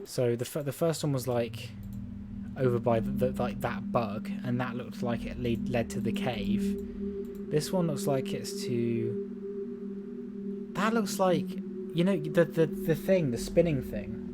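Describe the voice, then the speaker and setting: A man at his desk mic chats loosely through a puzzle game, trailing off, restarting and laughing to himself. His voice sits in a middle pitch. Loud game music plays under everything he says. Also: takes it slowly. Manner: rambling, restarts mid-sentence, laughs often. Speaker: streamer. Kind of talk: casual let's-play commentary.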